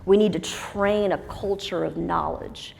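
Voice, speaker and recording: A woman's voice: on the low side, steady tone, unhurried, gravelly, darkish tone. A woman speaking on a conference panel in a chatty, self-deprecating way with many fillers, from Huntsville, Alabama. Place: conference stage with long hall reverb. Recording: reverberant conference hall.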